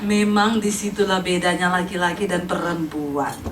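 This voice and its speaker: A woman's voice: medium pitch, vocal fry, heavy background noise. A woman pastor giving a humorous sermon, chatting with the congregation and acting out the people in her stories, laughing often. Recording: echoey hall, heard from a distance.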